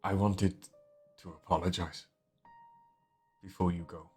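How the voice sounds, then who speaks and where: A man's voice: sits low, little pitch movement, a little slow, darkish tone, breathy edge. A game master voicing an ancient man, call cutting out. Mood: apologetic. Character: ancient male immortal, apologetic and formal. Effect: voice cutting out in dropouts over an online call. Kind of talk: voicing a character in an online tabletop game. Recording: choppy online call with music behind.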